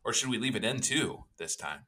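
A man's voice: mid-range voice, expressive, brisk, bright, forceful tone. A man co-hosting a podcast, chatting casually and rambling with self-deprecating jokes. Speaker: podcast co-host. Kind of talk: casual chat.

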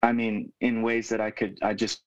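A man's voice: on the low side, little pitch movement. Earnest young man on lo-fi audio. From Hawaii. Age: 20s. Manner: earnest, reflective, with frequent "um" pauses. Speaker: youth pastor, podcast guest. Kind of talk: casual conversational storytelling. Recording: dull lo-fi remote audio.

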